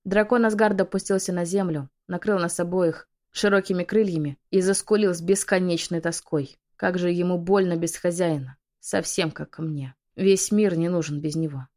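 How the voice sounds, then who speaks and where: A woman narrates a fantasy romance audiobook in the first person. Her slightly low voice is emotional and often sinks to a breathy hush. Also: steady tone, moderate pace, few pauses.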